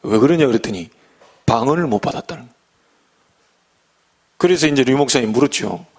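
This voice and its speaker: A man's voice: medium pitch, expressive, fairly quick, slightly rough. A middle-aged male pastor giving a folksy sermon full of humor and rhetorical questions.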